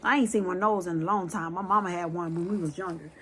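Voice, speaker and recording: A fast-talking woman with a fairly low voice addresses her viewers straight on as she recounts a frightening true story, blunt, lively, and cursing freely. There's slight background noise.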